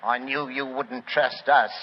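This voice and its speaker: An actor playing a deferential, plodding police inspector with an English accent, speaking hesitantly in a 1940s radio drama. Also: male voice, mid-range voice, little pitch movement, slow pace, close to an everyday voice. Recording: noisy, dull 1940s radio recording.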